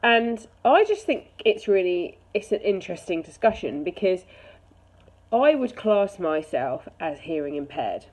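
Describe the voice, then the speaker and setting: This charity CEO's voice sits on the low side with a darkish tone, and she's very animated yet unhurried. She gives her personal take candidly and casually to camera.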